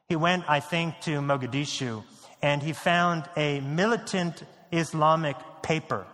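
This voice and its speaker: In a church sanctuary with big-room sound, a male pastor from the United States preaches a sermon earnestly. He repeats key lines and drops low and quiet on grave points.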